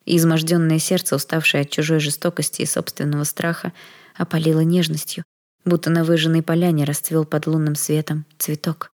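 A woman reading a first-person audiobook in a soft, even storytelling manner. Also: low voice, fairly quick.

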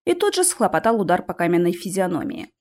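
A woman's voice: lowish voice, quick pace. Woman narrating an audiobook expressively. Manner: lively, expressive storytelling. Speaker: audiobook reader. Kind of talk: scripted narration.

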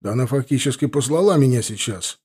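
A man voicing a stern father with a short temper, pressing hard with his questions. The voice sits at an ordinary middle pitch and stays close to the reader's own. He sounds exasperated rather than loud. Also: expressive, quick pace, husky. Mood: irritated. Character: stern middle-aged father, quick to anger.

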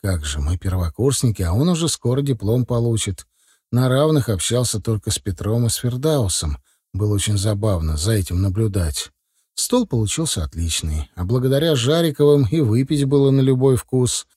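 A man reading a first-person audiobook in a steady, conversational way. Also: mid-range voice, normal speed, husky, no room sound, studio quality. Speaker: narrator.

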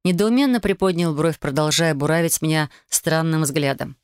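Мужчина размеренно и ровно читает фэнтезийную аудиокнигу от первого лица. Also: male voice, fairly high pitch, moderate pace, clear, resonant tone, no echo, studio quality. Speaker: audiobook reader. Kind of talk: fantasy audiobook narration in first person.

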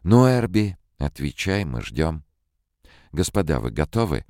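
A man voicing a sharp, mocking woman robot psychologist in an audiobook, his deep voice pushed higher. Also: very animated, unhurried, no echo, studio quality, exaggerated voice. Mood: scornful. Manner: mocking, cutting.

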